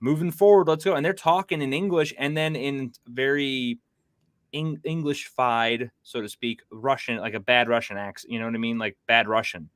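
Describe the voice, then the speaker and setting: A man's voice: mid-range voice, fairly even intonation, normal speed, a bit bright, clean tone, no echo. Man, podcast host, rambling casual talk, reads chat aloud, dry recording.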